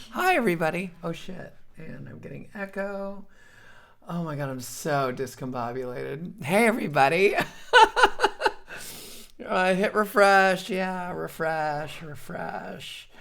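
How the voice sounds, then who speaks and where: A woman's voice: fairly low pitch, expressive, unhurried. A jet-lagged woman hosting a live stream in casual chat, rambling in a scattered way, swearing and laughing often. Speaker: livestream host.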